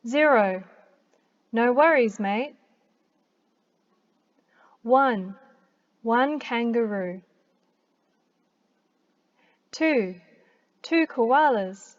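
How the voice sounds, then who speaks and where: Slow, high Australian woman counting aloud. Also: animated. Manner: slow deliberate word-by-word pronunciation with long pauses. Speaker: English accent teacher. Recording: dull lo-fi recording.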